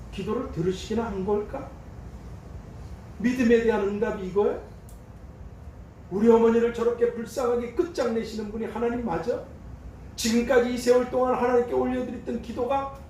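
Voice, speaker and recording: Dramatic high-pitched preaching man. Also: dark tone, a little hiss or hum. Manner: dramatic, acts out voices of God and a troubled pastor. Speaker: pastor. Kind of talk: sermon. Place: church sanctuary. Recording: echoey church hall, voice from a distance.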